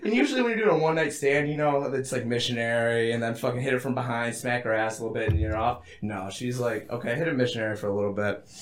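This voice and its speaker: A man's voice: medium pitch, quick pace, few pauses, a little hiss or hum. A young man telling a crude story to friends, rowdy and boastful, swearing often and laughing as he talks. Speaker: podcast co-host telling a story. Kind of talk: crude casual banter among friends.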